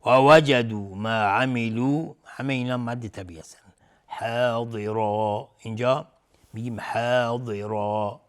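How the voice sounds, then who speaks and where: A man teaching Quran recitation, chanting verses slowly and melodically, then explaining the rules in quick, lower speech. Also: steady tone, clear, resonant tone. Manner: melodic slow chanting, then rapid low-voiced explanations.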